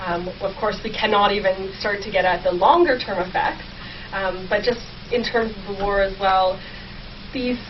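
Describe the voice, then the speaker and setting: As a guest on an interview, a young adult woman working on a history PhD talks about her research in an enthusiastic, conversational way at a moderate pace. Her voice is medium in pitch, but the sound is distant, dull and clearly noisy.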